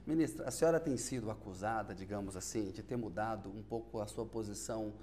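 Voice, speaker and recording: A man's voice: on the low side, fairly quick, warm tone, slight background noise. A man from Belo Horizonte, Brazil, interviewing a guest on television, prompting her and finishing her sentences.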